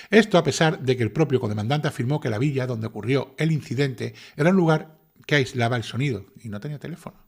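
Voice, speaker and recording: Brief: quick, sarcastic male commentator reading out a document and picking it apart, mid-pitched, indignant rhetorical questions. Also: gravelly, husky. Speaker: YouTube commentator. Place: home desk with computer.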